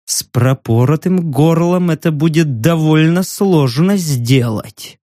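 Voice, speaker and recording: A man voicing a smug, menacing former dockworker in an audiobook, taunting slowly and slyly. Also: a little high, mellow, dry recording, studio quality. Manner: slow, taunting and sly. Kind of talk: audiobook narration.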